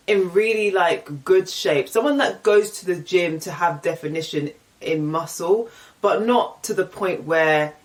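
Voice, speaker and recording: A young woman vlogger from England, with an English accent, chats casually and candidly as she reads out and answers get-to-know-me questions. Her voice is deep and sounds far from the mic.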